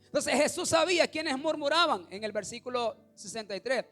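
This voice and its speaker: Man preaching, very high voice, animated sermon, questions to the congregation, soft music behind. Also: a little fast. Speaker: pastor.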